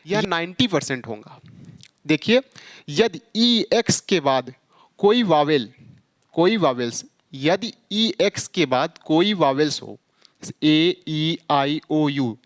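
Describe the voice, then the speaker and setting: A man with a Hindi accent teaching English pronunciation. He spells words out letter by letter and draws sounds out slowly as he quizzes the listener. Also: on the high side, lively intonation, no room sound. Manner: stretches words slowly when demonstrating sounds. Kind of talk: classroom lesson on English pronunciation.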